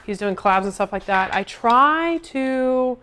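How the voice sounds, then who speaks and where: A woman's voice: a little high, expressive, unhurried, fairly bright tone, a little hiss or hum. A woman livestreaming from her home kitchen, chatting to viewers while she cooks. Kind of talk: casual livestream chat.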